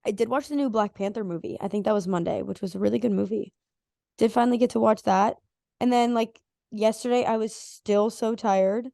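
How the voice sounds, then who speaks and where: A young woman in her twenties with a hoarse, worn-out voice, co-hosting a casual podcast chat and rambling with lots of fillers. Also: mid-range voice, fairly quick, mellow, no echo, clean studio sound. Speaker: podcast co-host.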